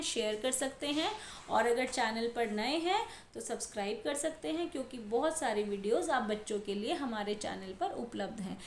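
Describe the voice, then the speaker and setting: A woman's voice: a little high, echoey room, a little hiss or hum. A woman teaching a primary school language lesson to children, patient and careful, going through words one at a time. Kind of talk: slow explained lesson for children.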